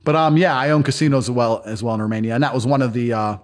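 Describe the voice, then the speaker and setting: A man telling stories in a casual interview, blunt and profane. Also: mid-range voice. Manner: fast, animated, profane storytelling. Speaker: guest.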